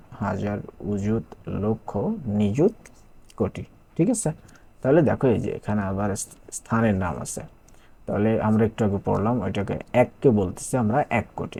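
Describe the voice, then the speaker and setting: Gravelly-voiced Bangladeshi man tutoring math. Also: on the low side, mellow. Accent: Bangladeshi Bengali. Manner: talks students through a textbook page step by step, often checking with "okay?". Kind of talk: casual classroom explanation.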